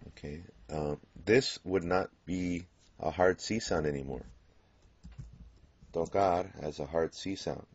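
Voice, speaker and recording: Deep, slow-talking man teaching Spanish grammar. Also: breathy edge. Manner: explains patiently, with frequent fillers and restarts. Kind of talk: classroom grammar lecture. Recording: dull lo-fi classroom recording.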